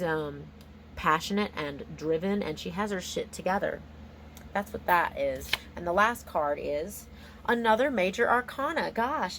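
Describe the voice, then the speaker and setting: A woman's voice: lowish voice, creaky, a little hiss or hum. A woman giving a casual, improvised tarot reading in an informal, exclamatory, slangy way. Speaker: tarot reader.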